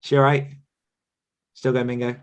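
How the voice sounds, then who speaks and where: A smooth, mid-range male voice with little pitch movement moves at a moderate pace. The podcaster, who also coaches authors, gives casual, reflective answers, feeling out his phrasing and revising it as he goes.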